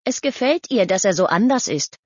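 A woman's voice: mid-range voice, animated, moderate pace, husky, dry recording, pitched above the performer's own voice. A woman voicing an earnest, chatty teenage girl who talks insistently. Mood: eager. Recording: dull lo-fi audio.

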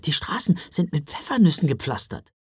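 A curious young boy asks eager questions in a slightly raised voice, as a man reading a storybook puts him on. He sounds keen and lively. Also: fairly high pitch, brisk, slightly rough, dry recording, studio quality, heavily acted.

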